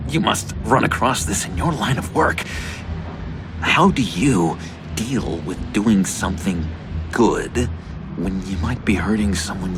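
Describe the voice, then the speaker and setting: A man's voice: low voice, full character voice. An actor playing an eager, unhinged, needy young male oddball in a video game, with a theatrical, hesitant then gushing delivery. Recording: music under the voice.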